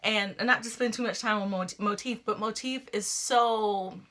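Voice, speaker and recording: A young adult woman giving a casual, conversational poetry lecture, animated and quick to restart her phrases as she explains. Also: medium pitch. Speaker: poetry teacher.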